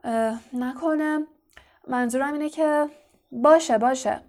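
A woman voicing a vain, evasive male wizard professor who is a fraud, smooth and condescending. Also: high-pitched, a little mellow, voice pushed up, natural voice. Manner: smooth, self-justifying, condescending.

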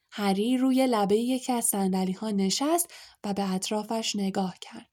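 Mellow woman narrating a storybook. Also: medium pitch. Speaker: audiobook narrator.

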